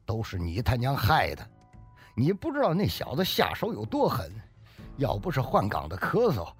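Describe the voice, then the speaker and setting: A man voicing a bitter, cowardly male soldier who grumbles in a low, sullen voice. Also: wildly swooping pitch, moderate pace, breathy edge, faint music behind.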